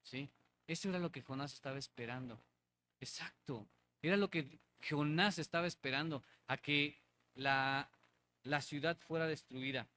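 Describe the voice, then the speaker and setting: Guy preaching, kinda high voice, keeps saying "right?" to the church, little background hiss. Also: normal speed, bright, forceful tone. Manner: conversational, asks the congregation for agreement; repeats phrases for emphasis. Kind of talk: sermon. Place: church hall.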